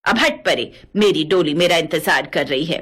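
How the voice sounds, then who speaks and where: A woman voicing a bossy, sharp-tongued widowed mother-in-law in her sixties, in a cartoon. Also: low voice, lively intonation, normal speed, slightly rough, voice pushed down, heavily acted. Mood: scolding. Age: 60s (figure). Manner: scolding, mocking. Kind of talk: cartoon voice acting.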